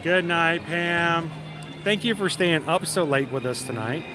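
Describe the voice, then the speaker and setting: A middle-aged man from South Georgia with a deep Southern accent, chatting casually and folksily as he hosts a livestream. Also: animated, measured pace, over music. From South Georgia, United States. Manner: chatty, folksy, greets viewers by name. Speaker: livestream host. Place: outdoors in a busy theme park.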